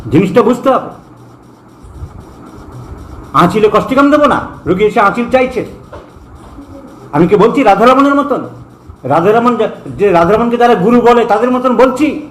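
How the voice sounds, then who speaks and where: A man from India lectures as a homeopathic doctor, in a high voice that rings around a roomy space over a faint hiss. He is emphatic and scolding, hammering points home through repetition. He mixes English medical terms into his speech. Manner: emphatic, scolding, repeats phrases for stress.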